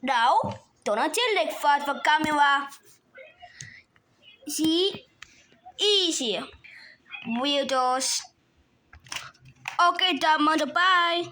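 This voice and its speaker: A woman's voice: high voice, extremely slow, long pauses, bright, forceful tone, a little hiss or hum. A woman voicing every character in a playful homemade character play, jumping between silly voices. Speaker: channel creator voicing all characters.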